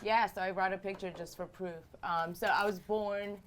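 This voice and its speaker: A woman's voice: mid-range voice, steady tone, normal speed, clean tone. A woman in her thirties from Romania, answering interview questions as a political candidate, earnest and emphatic, repeating phrases for emphasis. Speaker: House candidate.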